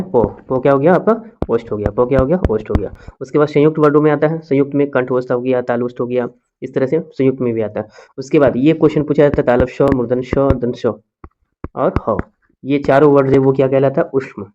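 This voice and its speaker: A male teacher leads an exam-prep lesson at a moderate, mid-range pitch. He poses each question aloud, then answers it himself, repeating key terms to drill them. The recording sounds somewhat dull and lo-fi. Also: a little mellow, a little hiss or hum.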